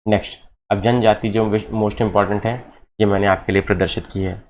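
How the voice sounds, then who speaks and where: A man's voice: fairly low pitch, flat delivery. A male coaching teacher giving an exam-prep geography lecture, reciting lists and often saying "okay" and addressing the students as kids. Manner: rapid list recitation with repeated "ठीक है" and "बच्चों". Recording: dull lo-fi audio with faint noise.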